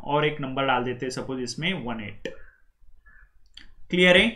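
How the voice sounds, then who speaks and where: A man teaching a class, drilling numbers slowly and often checking that his students follow. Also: medium pitch, bright, forceful tone. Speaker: language teacher. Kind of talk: classroom lecture.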